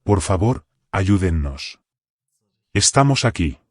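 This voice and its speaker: A man's voice: low voice, very animated, takes it slowly, dry recording, clean studio sound, full character voice. A man voicing a hollow mimic creature faking a woman's cries. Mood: false pleading. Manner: hollow, too-perfect pleading.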